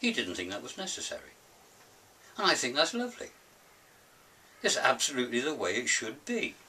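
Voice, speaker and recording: A man's voice: mid-range voice, huge pitch swings, moderate pace, bright, forceful tone. An older British man giving an opinionated monologue in a grumpy, grumbling manner, emphatic and full of rhetorical questions. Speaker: presenter of his own opinion series. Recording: hissy, distant microphone.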